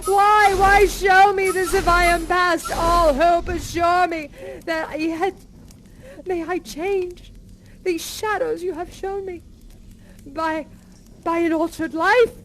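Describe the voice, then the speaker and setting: A woman voicing Scrooge, a remorseful old miser, in a loud, dramatic storytelling voice. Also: very high voice, fairly even intonation, slow pace, a little hiss or hum, voice pushed up, exaggerated voice. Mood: pleading. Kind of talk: theatrical storytelling to children.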